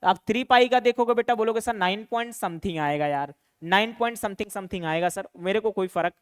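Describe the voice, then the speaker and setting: A young man teaching an online maths exam-prep lesson, chatty and quick, calling students "beta" and "bhaiya" and answering his own questions. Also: sits high, a bit bright, clear, resonant tone, no echo, studio quality.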